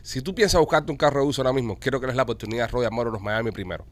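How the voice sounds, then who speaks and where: Male host, quick, brash, salesman-like delivery. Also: mid-range voice. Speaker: podcast host. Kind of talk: casual chat with live ad reads.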